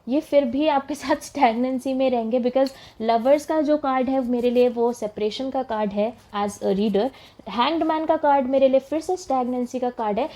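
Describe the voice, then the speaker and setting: A woman's voice: high voice, mellow. Chatty young woman reading tarot. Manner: chatty, mixes English words into Hindi, laughs as she talks. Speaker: tarot reader. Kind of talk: casual tarot reading for viewers.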